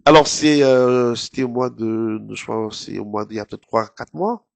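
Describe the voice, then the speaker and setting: A man's voice: medium pitch, moderate pace, vocal fry, no room sound. A middle-aged man from Cameroon with a Cameroonian French accent, answering interview questions in a casual, hesitant way with many fillers. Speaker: TV host, guest.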